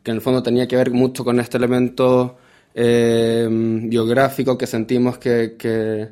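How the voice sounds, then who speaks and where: A man answering an interview as a guest, deliberate and searching for his words. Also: medium pitch, monotone, dark tone. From Chile. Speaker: guest artist.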